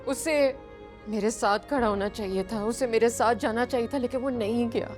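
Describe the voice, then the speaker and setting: An actress with a Pakistani accent playing a grieving young wife who demands justice, speaking with intense, accusing bitterness over music. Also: female voice, a little high, steady tone, moderate pace, lightly acted. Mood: bitter. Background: drama score underneath.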